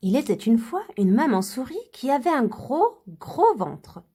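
A woman reading a children's story aloud in a gentle, animated storytelling manner. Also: high voice, unhurried, slightly rough.

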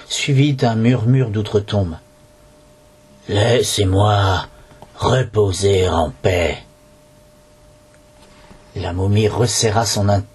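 A man's voice: mid-range voice, a little mellow, husky. A man reading a storybook aloud in French, narrating with occasional slips and restarts.

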